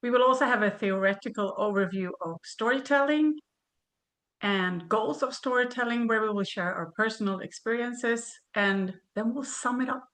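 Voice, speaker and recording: A woman's voice: on the high side, moderate pace, a bit bright. Woman reading a webinar talk. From Sweden. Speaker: presenter. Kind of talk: reading a prepared webinar presentation.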